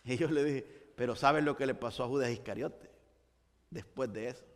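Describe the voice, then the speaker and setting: A man preaching a sermon as pastor, moving between hushed storytelling and rising emphatic passages. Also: medium pitch, moderate pace, long reverb tail. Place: church sanctuary.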